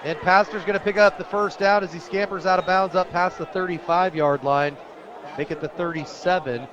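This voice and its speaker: An American man, his voice sitting high, does live radio play-by-play of a football game with a steady tone at normal speed. The recording is muffled, and a loud crowd fills the background at the outdoor high school stadium.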